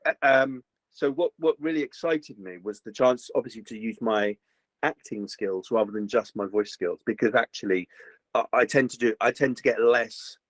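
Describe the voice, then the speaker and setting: A man who does voice acting chats as a guest in a casual interview, animated and full of "you know" fillers and restarts. His voice is medium-pitched at a normal speed, recorded in a home booth with no echo but rough quality.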